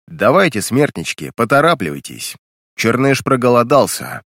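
A man's voice: medium pitch, big pitch swings, normal speed, fairly bright tone, no echo, clean studio sound. A man doing a mocking sadistic commander. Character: cruel, power-drunk male commander.

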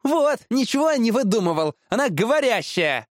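A man's voice: high voice, big pitch swings, a little fast, dry recording, studio quality, pitched above the performer's own voice. Man doing an eager pleading little boy. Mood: excited. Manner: pleading, insistent. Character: stubborn hopeful young boy.

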